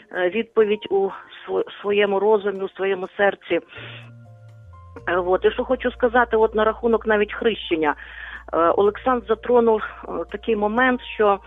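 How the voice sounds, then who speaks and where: A woman's voice: medium pitch, no room sound. A woman calling in to a religious radio show, speaking earnestly and devoutly, at times rambling. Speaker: radio caller. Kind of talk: phone call-in testimony. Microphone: phone. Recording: tinny phone line, faint music.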